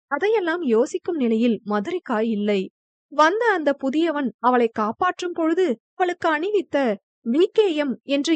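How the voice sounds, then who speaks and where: A woman narrating a romance audio novel in a high voice, with steady, expressive storytelling. The sound is dry and close, with no room around it. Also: no room sound.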